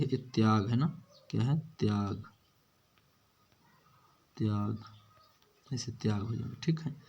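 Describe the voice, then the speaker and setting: A man teaching grammar in a video lesson. He asks the learners questions, answers them himself, and often adds checking tags. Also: a little high.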